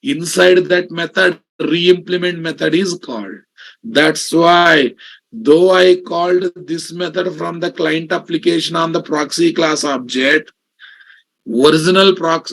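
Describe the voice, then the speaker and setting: A man with a Telugu Indian accent and a fairly high, gravelly voice teaches programming in a live online class. He drives points home emphatically, repeating sentences and often asking whether students follow. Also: a bit bright. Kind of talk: live online coding lesson.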